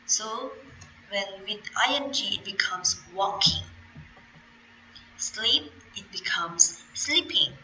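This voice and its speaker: A woman's voice: medium pitch, expressive, slow pace, long pauses, sharp tone, slight background noise, low-quality recording. A young woman with a Khmer accent teaching an English grammar lesson, patiently spelling out letters and explaining rules step by step. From Cambodia.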